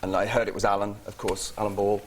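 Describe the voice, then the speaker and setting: Chatty British actor guest, laughs a lot, talks in stops and starts, talk-show interview. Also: male voice, on the low side, level tone, fast, a little hiss or hum. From England.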